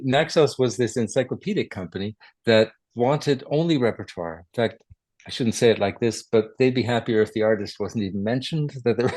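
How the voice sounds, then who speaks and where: An older man, a guitarist and record producer, telling stories in a relaxed interview with chuckles and self-corrections. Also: medium pitch, no echo. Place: his home.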